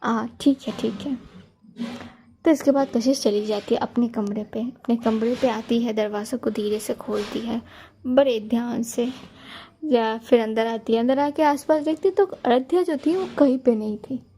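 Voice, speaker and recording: A woman's voice: on the high side, moderate pace, dark tone, slight background noise. A young woman narrating a romance story in a chatty, casual way, talking straight to her listeners. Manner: chatty, talks to listeners directly.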